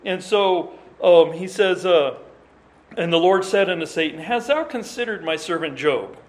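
At a moderate pace and with lively intonation, a high-voiced man delivers a sermon. He reads old-fashioned scripture with earnest emphasis, frequently starting phrases over and repeating words while he explains.

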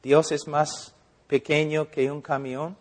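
A man preaching a sermon, animated, acting out dialogues and asking rhetorical questions. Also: fairly high pitch, slow. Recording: long hall reverb.

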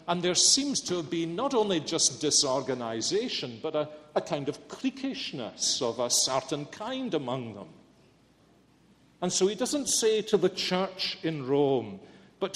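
Male preacher, unhurried sermon delivery, earnest, rhetorical questions, long hall reverb. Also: a little high.

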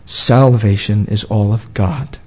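A male preacher giving an impassioned sermon in a church, pleading and calling out, then dropping to a hushed tone. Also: fairly low pitch, fairly even intonation, slow pace.

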